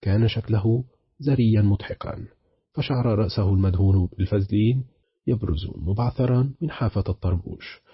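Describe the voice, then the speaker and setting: A man narrating a short story for an audiobook in a measured, dramatic storytelling manner. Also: fairly low pitch, slightly rough, dry recording, muffled recording.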